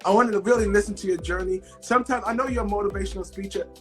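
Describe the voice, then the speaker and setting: A man's voice: sits high, very fast, soft background music. A man hosting a casual interview, eager and enthusiastic, full of "like" and "you know". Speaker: host, life coach.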